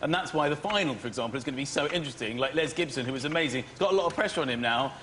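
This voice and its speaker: A man's voice: medium pitch, animated, racing. A British man in his thirties, a talent show judge, chatting on live TV in a rambling, flustered way with restarts. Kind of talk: live TV panel banter. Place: TV studio with live audience. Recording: loud audience and studio noise.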